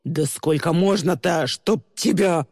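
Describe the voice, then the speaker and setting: A man plays a gruff, hot-tempered man used to giving orders, barking and bellowing, his pitch pushed up when he yells. The voice has a warm, dark timbre and a long reverb. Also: steady tone, normal speed, clean studio sound, natural voice. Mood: yelling. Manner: barking and bossy, shouting often.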